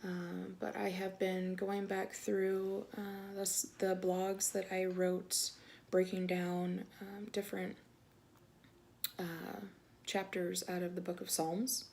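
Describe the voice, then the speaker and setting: Woman, devotional reading, soft-spoken, mellow tone, flat delivery. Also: mid-range voice, slow, creaky, slight background noise. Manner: soft-spoken, many ums and uhs. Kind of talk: casual devotional talk and reading aloud.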